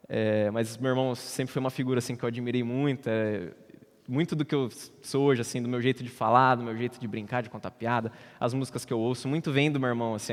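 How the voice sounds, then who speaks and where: A young man with a Brazilian Portuguese accent preaching in church, telling a personal story with animated swings in loudness. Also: mid-range voice. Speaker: presbyter preaching. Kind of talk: sermon illustration, personal story. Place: church sanctuary. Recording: church hall reverb.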